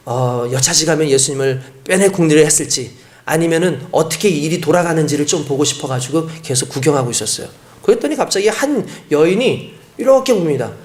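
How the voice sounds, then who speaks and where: Animated Korean pastor, lively pitch. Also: male voice, reverberant. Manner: animated storytelling with acted voices. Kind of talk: sermon.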